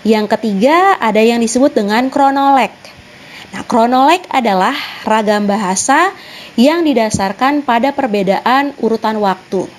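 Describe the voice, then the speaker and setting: A young woman teaches an online lesson in a slightly high voice. She explains patiently and methodically, moving from point to point with lots of examples and little linking words. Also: animated, normal speed, a little hiss or hum. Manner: explanatory, with many examples and "nah" transitions.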